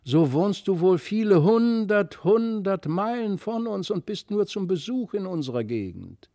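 A curious little girl from a fairy tale, as a man reads her. She pleads in a high, slightly tearful voice. The tone is mellow and the recording close and dry. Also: very animated, measured pace, dry recording. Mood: pleading. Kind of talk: audiobook fairy-tale reading.

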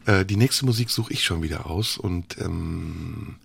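A man's voice: low voice, measured pace, vocal fry, husky. A man hosting a radio interview, asking probing, thoughtful questions. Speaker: radio host. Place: radio studio. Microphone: studio microphone.

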